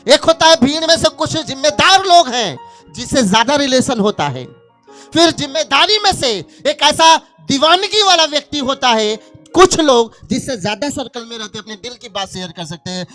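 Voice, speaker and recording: A man's voice: extremely high pitch, a bit bright. A male pastor preaching a sermon and urging his congregation on with rhythmic, repeated calls.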